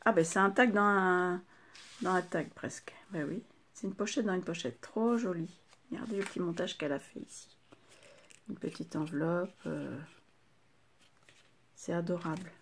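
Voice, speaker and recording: A woman's voice: fairly low pitch, normal speed, pauses often, a little hiss or hum. An older woman hosting a craft video, chatting casually to viewers and gushing with delight over each item she unwraps. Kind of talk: casual unboxing chat to viewers.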